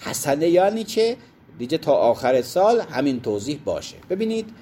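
Male seminary teacher, husky, lively delivery, quotes Arabic texts and explains them. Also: mid-range voice. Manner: explanatory, pauses to define terms. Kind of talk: classroom lecture on Islamic jurisprudence.

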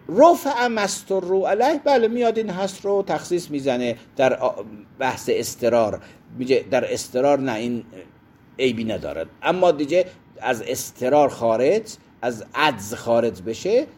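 A man's voice: fairly high pitch, very animated, darkish tone, a little hiss or hum. A man teaching a seminary class on Islamic law, who quotes Arabic legal texts, glosses them and stops to define terms. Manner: explanatory, pauses to define terms. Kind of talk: classroom lecture on Islamic jurisprudence.

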